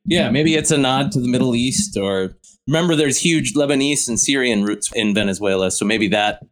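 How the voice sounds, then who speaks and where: A man's voice: medium pitch, moderate pace. A middle-aged man co-hosting a podcast, telling funny stories in casual chat and acting out the voices of people he quotes. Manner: animated storyteller, acts out quoted voices. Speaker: podcast co-host.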